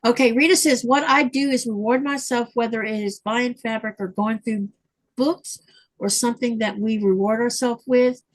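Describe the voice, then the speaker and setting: On a rough-sounding livestream mic at home, a woman with a highish, fairly even voice hosts a craft stream. At a normal pace she reads viewers' chat comments aloud, chatting casually and dropping in fillers.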